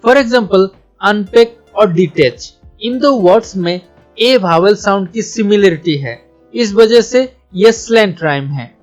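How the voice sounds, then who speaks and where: A young man, host of his own channel, explaining poetry in a steady, methodical lesson that mixes English terms into Hindi. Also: high voice, slow pace, soft background music. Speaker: literature teacher, channel host.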